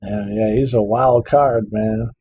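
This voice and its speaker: Laid-back man with a mellow voice. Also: on the low side, fairly even intonation, slow pace, dull audio, slight background noise. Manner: laid-back, short agreeing replies. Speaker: podcast co-host reading questions. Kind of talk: casual podcast chat.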